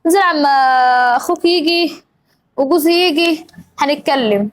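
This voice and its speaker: A woman's voice: very high voice, normal speed, poor audio. A young Egyptian woman with an Egyptian accent, acting in a family drama, scolding over and over and growing emotional. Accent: Egyptian Arabic. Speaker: regular of the show.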